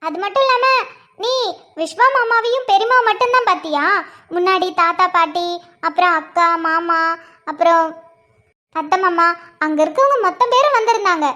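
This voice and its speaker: A woman's voice: extremely high pitch, normal speed, long pauses, sharp tone, dull audio. A woman voicing a teasing little sister. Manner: playful, gleeful teasing. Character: teasing mischievous younger sister girl. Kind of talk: animated cartoon voice acting.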